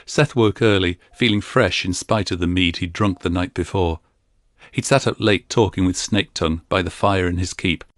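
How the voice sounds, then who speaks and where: A man narrating a fantasy audiobook in a steady, even storytelling manner. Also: deep voice, no room sound, clean studio sound. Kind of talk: scripted narration.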